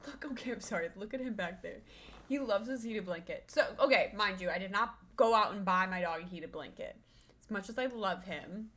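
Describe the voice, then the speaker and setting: Young female streamer, bright voice, chatty and rambling, coos to her pet. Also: medium pitch. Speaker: livestreamer. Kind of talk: casual live-stream chat. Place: her own cold room at home.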